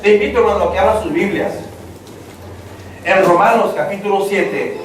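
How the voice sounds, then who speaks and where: Male preacher, animated sermon, higher voice, heard from far off. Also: moderate pace, a little hiss or hum. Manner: lively, acts out inner voices, addresses the congregation directly. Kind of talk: evangelistic sermon. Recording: echoey church hall from far off.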